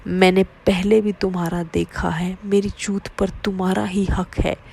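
A woman reading a first-person story aloud in a steady, low-key way. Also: unhurried, gravelly, husky. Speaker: narrator.

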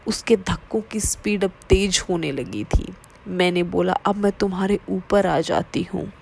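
Woman narrating with a creaky voice. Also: on the low side, unhurried, darkish tone, slight background noise. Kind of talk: first-person story narration.

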